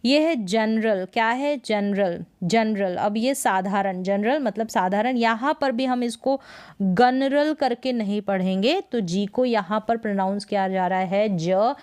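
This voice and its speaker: A woman teaching English pronunciation in Hindi, repeating each word slowly and asking herself questions as she explains the rules. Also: medium pitch, darkish tone, smooth.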